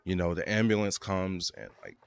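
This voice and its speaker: A man with a low, deep voice tells a personal story in a relaxed, rambling way. He leans on fillers and restarts as he goes. Faint game noise sits quietly behind him. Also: normal speed, creaky. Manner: loose, rambling, many fillers. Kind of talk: casual story time.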